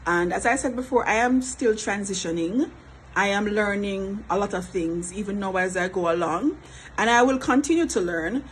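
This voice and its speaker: A woman's voice: mid-range voice, normal speed, a little hiss or hum, low-quality recording. A middle-aged Jamaican woman, a mother, talking in a chatty, repetitive vlog style with frequent laughs. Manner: chatty, repeats herself, laughs often. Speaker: vlogger, mother. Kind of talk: casual vlog talk.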